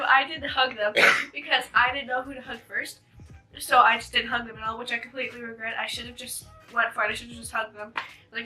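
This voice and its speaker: A woman's voice: a little high, bright, forceful tone. A woman guest telling a story in a casual, giggly, self-conscious way. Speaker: guest friend. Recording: distant mic with faint music.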